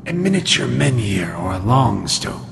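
A man's voice: mid-range voice, sing-song, normal speed, creaky. A man playing a cool, commanding crime-fighting hero in an old-time radio mystery, clipped and dry. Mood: stern, dry. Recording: long hall reverb, music behind.

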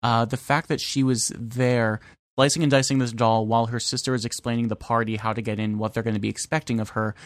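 A man's voice: mid-range voice, level tone, a little fast, no echo. A man co-hosting a podcast in casual chat, easygoing and thinking aloud with ums. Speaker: podcast co-host.

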